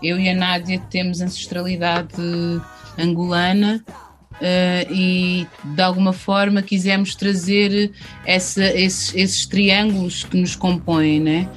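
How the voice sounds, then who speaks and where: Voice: mid-range voice, little pitch movement, slow, fairly bright tone, soft background music. An actress speaks emphatically in a news interview, sometimes searching for words.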